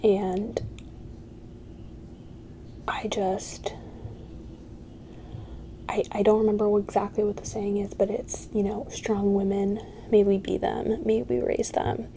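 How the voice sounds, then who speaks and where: A woman giving a whispered ASMR pep talk, soft and halting, reassuring and encouraging. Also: mid-range voice, level tone, a little hiss or hum. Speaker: ASMR creator.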